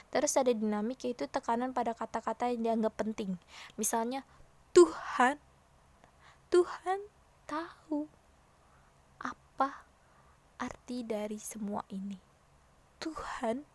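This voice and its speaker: A woman teacher giving a casual lesson, lively, acting out example lines loudly and in hushed tones. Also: fairly high pitch.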